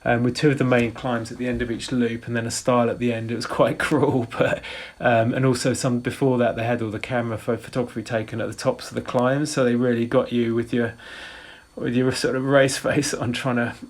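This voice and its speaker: A man's voice: mid-range voice, little pitch movement, a little fast. A man in his forties giving a casual race report, rambling with frequent restarts and fillers. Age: 40s. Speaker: ultrarunner vlogger.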